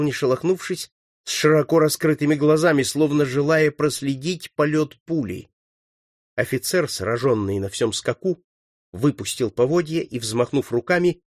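A man's voice: mid-range voice, dry recording, studio quality. Man reading an adventure audiobook. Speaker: narrator. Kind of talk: scripted audiobook narration.

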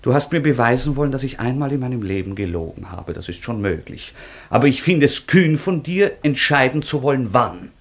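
An actor playing an impulsive young nobleman in a radio drama, speaking low, earnest and quietly intense. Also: expressive, fairly quick. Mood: defiant. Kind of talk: studio radio drama acting.

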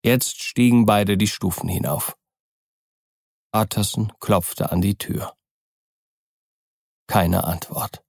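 A man reading a novel aloud as narrator, in a measured, steady way with a gravelly voice. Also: lowish voice, dry recording, clean studio sound. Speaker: audiobook narrator. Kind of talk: scripted narration.

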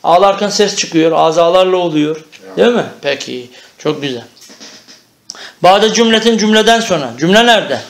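A man's voice: sits high, expressive, moderate pace. A man teaching an Arabic grammar lesson, explaining step by step and often checking that the class understands.

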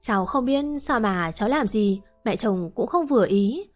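A woman voicing a meek, polite young pregnant wife who asks gentle questions, over faint music. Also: mid-range voice, animated, moderate pace, close to an everyday voice. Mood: plaintive.

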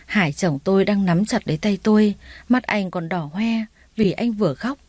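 A woman narrates a first-person story in a calm, even way. Her voice is mellow and low-key rather than bright. The sound is close and dry, with no room echo. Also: moderate pace. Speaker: audiobook narrator.

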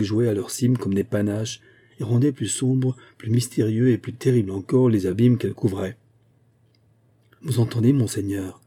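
A man giving measured, scripted narration of a classic adventure novel as an audiobook narrator. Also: fairly low pitch, breathy edge. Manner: measured, even storytelling.

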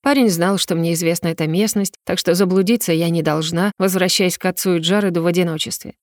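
A woman reading a story aloud in the first person as an audiobook narrator, with an emotional delivery that rises in pitch on the heroine's own lines. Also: steady tone, fast talker, no echo, clean studio sound.

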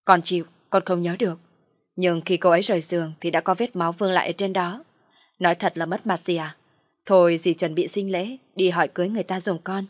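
A woman's voice: fairly low pitch, steady tone, quick pace, no room sound, studio quality, close to an everyday voice. A woman voicing a polite, gullible young man who stammers and speaks earnestly.

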